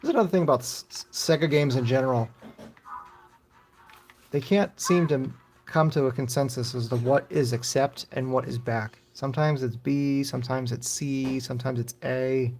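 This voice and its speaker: A man's voice: medium pitch, steady tone, moderate pace, a little mellow, soft background music. A middle-aged man live-streaming retro games, rambling offhand and swearing casually as he plays. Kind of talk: casual gaming commentary.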